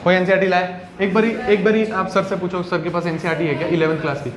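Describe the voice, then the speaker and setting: A man's voice: high-pitched, little pitch movement, fast, a crowd in the background. A male teacher giving a classroom lecture in a conversational way, often checking in with his students.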